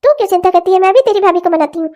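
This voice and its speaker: A woman's voice: very high-pitched, animated, rapid-fire, warm tone, voice pushed up. A woman voicing a doting, fretful older mother-in-law in a cartoon family drama, coaxing and chiding. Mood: soothing.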